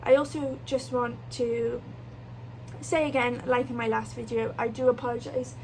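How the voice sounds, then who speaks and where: A woman's voice: fairly high pitch, flat delivery, moderate pace, darkish tone, rough recording. A British woman chatting casually as the host of a colouring vlog. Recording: clear fan noise behind voice. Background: electric fan.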